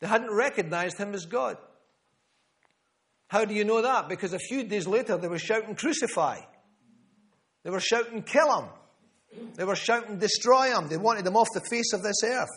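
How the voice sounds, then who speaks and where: A man's voice: high voice, a little fast, a bit bright. A man preaching a sermon to a room, emphatic, repeating key phrases and calling on listeners by name. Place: church gathering room.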